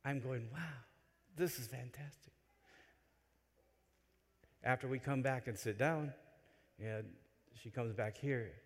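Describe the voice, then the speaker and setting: Man, homily, animated storyteller, mid pitch, long church reverb. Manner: animated storytelling, swings between loud excitement and quiet asides. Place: large church. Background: church hall.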